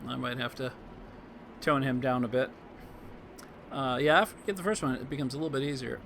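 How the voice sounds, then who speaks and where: A man commenting on his live gameplay in a low-key way, thinking aloud and greeting chat, with a voice that is going hoarse. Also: fairly even intonation, brisk, fairly bright tone, a little hiss or hum. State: losing his voice. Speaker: game streamer.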